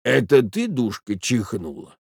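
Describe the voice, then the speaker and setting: A man voicing a frail, fussy old husband who mumbles slowly and coughs. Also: medium pitch, wildly swooping pitch, creaky, a little mellow, breathy edge, dry recording, clean studio sound, heavily acted.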